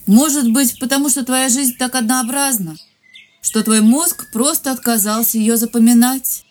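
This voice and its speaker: A narrator voicing a tired fairy mother who gently scolds her daughter in a storybook. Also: very high voice, steady tone, moderate pace, voice pushed up. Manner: sad, admonishing.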